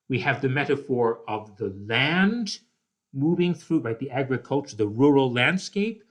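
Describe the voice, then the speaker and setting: Slow, deliberate male poetry lecturer. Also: medium pitch, a bit bright. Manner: slow, deliberate explaining with frequent "okay?" check-ins; restarts with filler "uh". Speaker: literature teacher.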